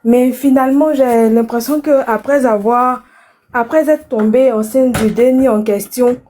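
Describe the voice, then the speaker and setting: Female advice caller, hesitant and rambling, unhurried pace, mellow tone. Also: a little high, fairly even intonation. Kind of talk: hesitant personal account.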